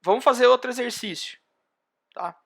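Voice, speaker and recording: A man with a Brazilian Portuguese accent teaches an online university class in a very high, fairly bright voice with vocal fry, at a normal speed. He explains an example step by step, frequently pointing with "ó".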